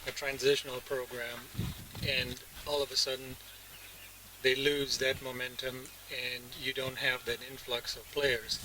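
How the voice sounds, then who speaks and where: A man co-commentating on a cricket match, explaining his points in a steady way, heard from a distant mic at an outdoor ground. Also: medium pitch, unhurried. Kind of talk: casual live cricket commentary chat. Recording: distant mic with crowd noise.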